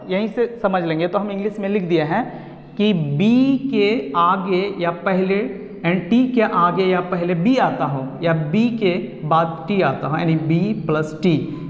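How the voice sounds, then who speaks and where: High-voiced man teaching in an echoey room. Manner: slow and repetitive, explaining step by step. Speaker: English teacher. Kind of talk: online pronunciation lesson. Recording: echoey room, dull lo-fi sound.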